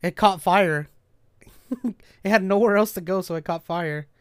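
A young man with a fairly high, smooth voice co-hosts a casual podcast. He tells stories in an animated way and laughs easily. The recording is dry and close. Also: a little slow, no room sound. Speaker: podcast co-host. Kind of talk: casual storytelling.

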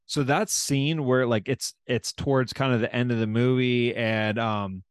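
A man's voice: mid-range voice, steady tone, a little slow, smooth, dry recording, studio quality. A man hosting a podcast in casual chat, often restarting and repeating words, with loose swearing. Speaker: podcast host.

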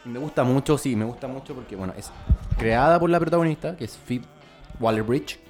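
Chilean man, podcast co-host, mid-pitched, loose and rambling. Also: fairly quick, a little mellow, faint music behind. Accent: Chilean Spanish. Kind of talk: casual chat.

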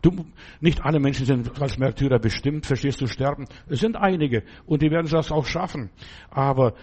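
A man's voice: mid-range voice, normal speed, a little mellow, husky. An older man preaching an informal sermon, emphatic and conversational, often turning to the listener with a question. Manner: emphatic, conversational, repeats "verstehst du".

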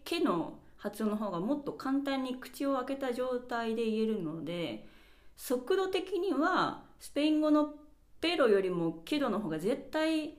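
A woman hosting her own podcast, chatting casually and reflectively as she walks through examples one by one. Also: on the high side. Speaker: podcast host. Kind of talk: casual solo podcast talk. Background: birds chirping.

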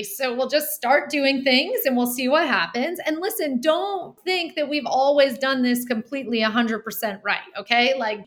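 A woman in her forties, a nonprofit founder appearing as a guest in a podcast interview, talks animatedly in a high-pitched, fairly bright voice. She laughs often and acts out little quotes.

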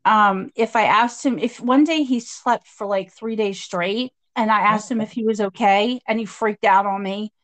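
A woman's voice: medium pitch, moderate pace, hardly any pauses. A middle-aged woman telling her story in a conversational interview, acting out what others said. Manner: animated storyteller, acts out quotes. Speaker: guest describing past abuse.

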